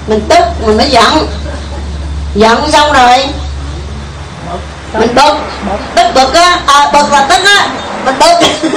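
Her high-pitched, fairly bright voice carries an informal Buddhist meditation talk to a group, which she keeps conversational by frequently questioning her listeners. She speaks with a Southern Vietnamese accent. The mic sits far away in an echoey room, with a faint hiss.

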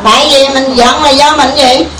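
A woman with a Southern Vietnamese accent leads a group in an informal Buddhist meditation talk, keeping it conversational and often asking her listeners questions. Her voice is high, with fairly even intonation, at a normal speed. The room is echoey, the mic is far off, and there's a faint hiss.

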